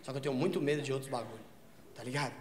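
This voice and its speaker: A young man from São doing a stand-up set, telling a profane, slang-heavy story and acting out the other voices with shouts. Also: medium pitch, rapid-fire. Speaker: stand-up comedian. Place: comedy stage with live audience. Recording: echoey room, loud audience noise. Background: audience laughter.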